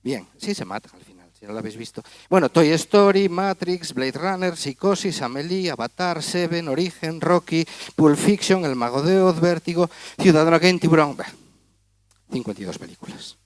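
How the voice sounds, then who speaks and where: A man's voice: a little high, animated, normal speed, no room sound. A man doing comic stage patter as a magician, teasing and chatting with volunteers in front of a gala audience. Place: auditorium stage.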